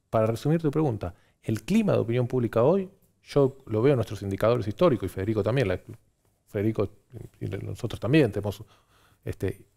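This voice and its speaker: A man's voice: mid-range voice, gravelly, dark tone. A man with an Argentine accent, a pollster guest giving fluent political analysis on TV and listing his points one after another.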